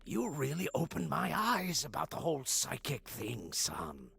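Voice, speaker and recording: A man's voice: on the high side, huge pitch swings, unhurried, vocal fry, fairly bright tone, exaggerated voice. A man voicing a proud, bombastic father with a dramatic, effusive manner in a video game. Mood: effusive, confiding.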